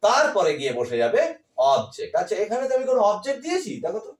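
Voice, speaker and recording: A man's voice: high voice, wildly swooping pitch, rapid-fire. A male English grammar teacher gives a classroom lecture, asking the class questions and answering them himself. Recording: echoey room, voice from a distance.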